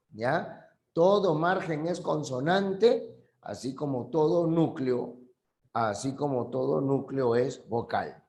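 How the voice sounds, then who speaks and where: Male teacher, measured classroom delivery, higher than average voice, patient and repetitive. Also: reverberant. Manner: patient, repeats key terms, checks understanding. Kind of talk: classroom language lesson.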